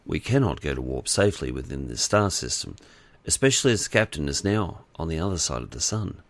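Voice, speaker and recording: A man narrating an audiobook with expressive storytelling. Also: a bass voice, brisk, no echo.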